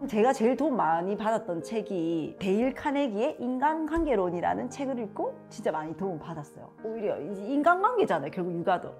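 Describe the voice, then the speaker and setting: A woman's voice: on the high side, a little mellow. A woman sharing a parenting story and advice, acting out the dialogue as she tells it. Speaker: parenting advice channel host. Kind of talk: personal anecdote and parenting advice.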